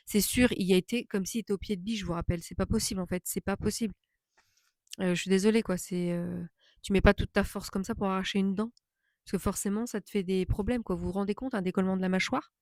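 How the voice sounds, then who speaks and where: A woman's voice: mid-range voice, a little mellow, dry recording, clean studio sound. A woman vlogger chatting casually as she tells a personal story, indignant and emphatic, often repeating phrases for stress.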